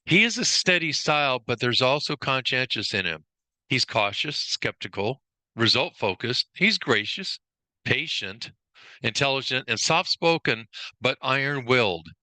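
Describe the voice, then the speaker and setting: A man's voice: mid-range voice, animated, measured pace, sharp tone, no room sound. A male trainer giving an informal lesson, rattling off lists of traits and now and then correcting himself. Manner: brief self-corrections. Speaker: workplace trainer.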